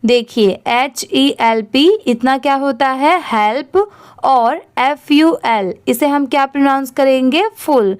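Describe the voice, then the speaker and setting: Indian woman as reading teacher: high, smooth voice, unhurried letter-by-letter spelling, quizzes then answers herself. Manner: spells words letter by letter, then asks and answers how to pronounce them. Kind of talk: slow spelling-out reading lesson.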